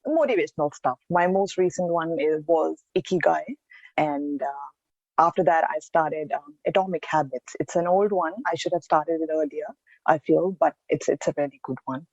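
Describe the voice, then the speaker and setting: A woman from India, a podcast guest, answering in an earnest, reflective way with pauses and restarts. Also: deep voice, a little mellow, dry recording, muffled recording. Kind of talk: casual interview answers.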